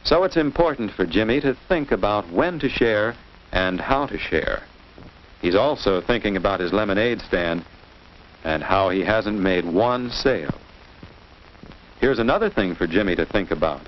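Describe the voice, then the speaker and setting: A 1950s children's instructional film is narrated from a script by an American man with a lowish, animated voice at normal speed. His approach is didactic, with questions aimed at young listeners. The recording is a muffled, noisy old film soundtrack.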